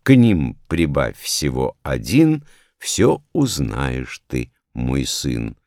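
A man's voice: very deep voice, wildly swooping pitch, drawn-out words, creaky, a little mellow, dry recording, studio quality, full character voice. A man reading a preachy lady department head. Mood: lecturing. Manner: instructive, lecturing.

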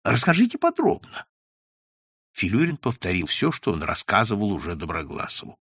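A man reading a story aloud in a lively way, lifting his voice for the characters' lines. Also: fairly quick, breathy edge, no echo, studio quality. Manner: lively, raises pitch and volume for characters' quoted lines. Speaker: audiobook narrator. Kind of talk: scripted narration with character voices.

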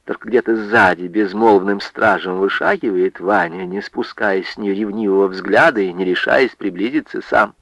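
A man narrating a literary story for radio in a measured, expressive way. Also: lowish voice, vocal fry, dry recording, highs cut off.

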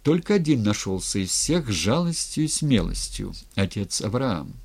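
A man reading a historical novel aloud in an expressive, dramatic way. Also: on the low side, moderate pace, gravelly, slightly rough. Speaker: narrator. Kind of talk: audiobook reading.

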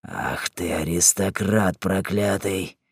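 A man's voice: mid-range voice, sing-song, unhurried, no echo, clean studio sound, full character voice. A man voicing a coarse, drunken male cobbler-jailer who bullies and snarls in an audiobook. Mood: snarling. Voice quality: growling, coarse. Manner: bullying, shouting. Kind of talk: audiobook character reading.

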